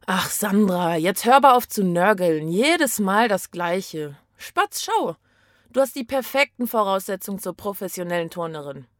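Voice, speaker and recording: A woman's voice: mid-range voice, animated, moderate pace, no room sound, studio quality, lightly acted. A woman voicing a pushy middle-aged mother who nags and scolds her daughter in a story reading. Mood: coaxing. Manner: nagging, exasperated, insistent.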